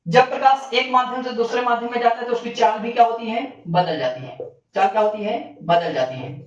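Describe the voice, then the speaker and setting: Man teaching in an echoey room. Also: a bit bright. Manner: asks questions and answers them himself in a lower voice; addresses students as bhaiya and bachche. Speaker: physics teacher. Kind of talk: recorded classroom lecture. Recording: distant, echoey, dull classroom recording.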